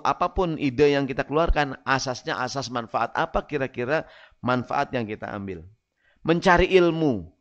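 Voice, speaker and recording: A man's voice: medium pitch, muffled recording. A man preaching a sermon to a congregation, joking and asking the crowd questions.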